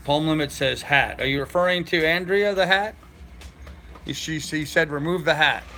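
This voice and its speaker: A man's voice: on the high side, moderate pace, bright, forceful tone, a little hiss or hum. A middle-aged man hosting a casual live stream, chatting informally with viewers.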